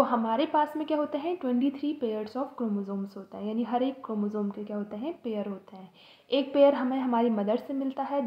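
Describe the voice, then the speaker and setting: A woman teaching a biology lesson for exam students, asking rhetorical questions and checking in with her listeners often. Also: fairly high pitch. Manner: explains with rhetorical questions, checks in with "theek hai". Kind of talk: exam-prep biology lecture. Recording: echoey room, dull lo-fi sound.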